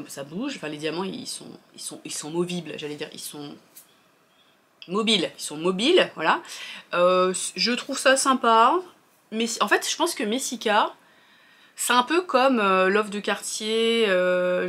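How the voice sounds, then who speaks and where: A woman talking casually in a vlog review, chatty and hesitant, often pausing on fillers and restarting her sentences. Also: medium pitch, a bit bright.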